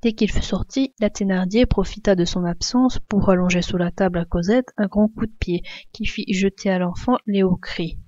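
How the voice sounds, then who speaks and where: A woman's voice: mid-range voice, moderate pace, few pauses, dry recording, lo-fi sound. Woman reading a classic novel aloud. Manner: expressive, voicing the characters' shouts. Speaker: reader.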